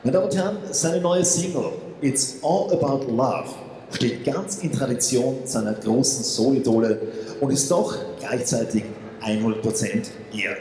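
A man's voice: medium pitch, measured pace, a little mellow. A man in his thirties hosting on stage, giving a grand entrance announcement of a performer into a handheld microphone. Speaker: stage show host. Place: large hall, on stage. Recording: echoey hall PA with room noise.

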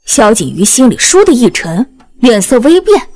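A woman narrates a serialized novel with expressive storytelling. Her voice sits a little high and moves lively up and down. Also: normal speed. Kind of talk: audiobook narration.

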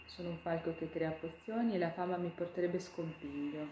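A grave, solitary falcon who makes potions, talking in slow, measured phrases with a low, mellow tone, as a woman narrator plays him. The voice sits in an echoey room. He sounds patient and reserved. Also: slight background noise, close to an everyday voice. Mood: humble. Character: wise solitary adult male falcon potion-maker.

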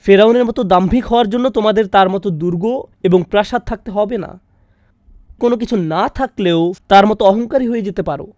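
A man with a notably high voice delivers a dubbed Quran commentary lecture. He talks expressively, reciting Arabic verses and acting out scenes. The recording is close and completely dry. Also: a little fast, darkish tone, dry recording. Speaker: Bengali dubbing voice of a Quran lecturer.

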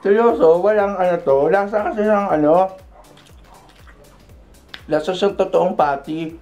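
A man's voice: sits high, normal speed, darkish tone, faint music behind. A young man with a Filipino accent reviewing food in a casual vlog, chewing food while he talks and keenly repeating himself. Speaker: food vlogger.

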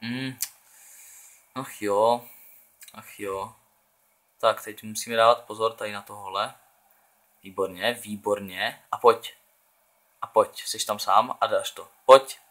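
A young man with a low, bright voice talks casually over a football match in a video game. He thinks aloud and keeps urging his players on. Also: steady tone, long pauses. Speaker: gaming channel host.

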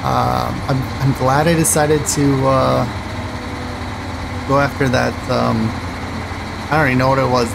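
A man's voice: mid-range voice, gravelly, heavy background noise. A man casually commenting on his driving game as he plays, thinking aloud and rambling between choices. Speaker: gaming channel host.

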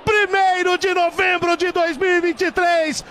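A man with a Brazilian accent calling a football match with long drawn-out goal yells. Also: very high voice, flat delivery. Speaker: football commentator. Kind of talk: live football commentary.

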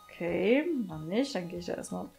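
A woman's voice: on the low side, lively intonation, moderate pace, vocal fry, darkish tone, faint music behind. A woman giving casual, sarcastic commentary while playing a game, swearing and grumbling a lot. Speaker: let's play streamer.

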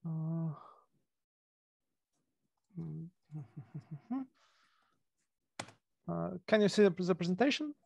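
A man in his thirties with a thick Russian accent, giving an academic presentation haltingly over a video call. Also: a little high, animated, vocal fry, darkish tone. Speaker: conference presenter, academic researcher. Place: home room with bookshelves. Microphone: headset on a video call.

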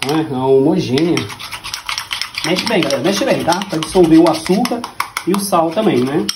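This vlog host, a Brazilian man in his thirties, cooks at home for the camera while joking around in slang. He speaks at a moderate pace in a slightly high, expressive voice. Dishes clatter and the small indoor kitchen echoes with noise.

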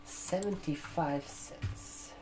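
Here a man in his twenties plays a barber shop receptionist for ASMR, addressing a customer in a slow, halting, repetitive way as he types. His pitch is fairly high. Keyboard typing and a roomy echo come from the indoor room with sofas.

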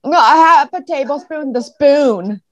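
High-voiced woman offering slow kitchen tips. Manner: friendly, offers helpful tips. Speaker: off-camera viewer giving tips. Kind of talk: casual chat. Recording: dull, muffled sound.

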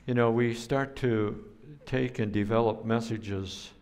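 An older man preaching a sermon as a pastor, speaking in a slow, deliberate way, with playful sound effects now and then. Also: mid-range voice, steady tone, darkish tone, smooth.

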